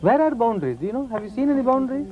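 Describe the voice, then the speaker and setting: A man's voice: very high-pitched, big pitch swings, rapid-fire, phone-quality sound. A man teaching about oneness in a playful, questioning way. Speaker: yoga teacher. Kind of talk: lively spiritual talk.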